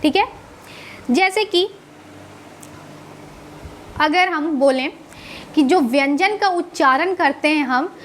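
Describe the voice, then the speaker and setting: Female teacher, high voice, lecture style, asks and answers her own questions, stretches sounds to demonstrate. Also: a little hiss or hum. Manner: asks the class questions and answers them herself, adds "है ना"; stretches sounds slowly to show how they are said. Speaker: Hindi grammar teacher. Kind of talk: classroom lecture.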